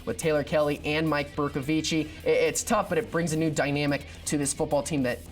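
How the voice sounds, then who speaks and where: A man's voice: on the high side, flat delivery, fairly quick, soft background music. A young man co-anchoring a student sports show, chatty and playfully competitive with his partner.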